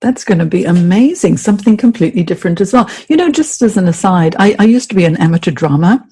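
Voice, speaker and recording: Mellow, husky-voiced female interviewer. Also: mid-range voice, animated, fast talker, no echo. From Hong Kong. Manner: effusive, admiring questions. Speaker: host. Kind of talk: interview podcast.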